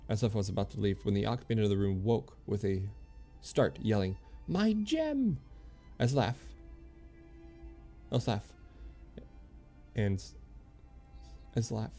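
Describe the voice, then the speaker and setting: A man streaming a game, reading its lore aloud in a halting way, often stumbling and correcting himself. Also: lowish voice, flat delivery, mellow, soft background music.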